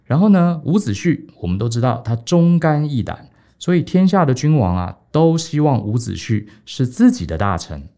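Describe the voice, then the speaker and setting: A man voicing a calm, clever male minister who argues his case in a composed, persuasive way. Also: mid-range voice, moderate pace.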